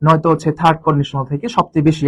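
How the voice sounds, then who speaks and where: Fast-talking high-voiced male tutor. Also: level tone, fairly bright tone, poor audio. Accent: Bangladeshi Bengali. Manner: colloquial, repeats key terms, asks rhetorical questions. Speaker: admission coaching tutor. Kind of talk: informal exam-prep lecture.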